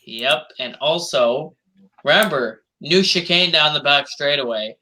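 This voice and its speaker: A man co-hosts a casual racing podcast, cutting in with quick agreements and counterpoints. His voice is bright, forceful and tense, pitched a little high. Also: a little hiss or hum, rough recording. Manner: quick interjections, agreeing and arguing. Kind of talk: casual motorsport podcast chat.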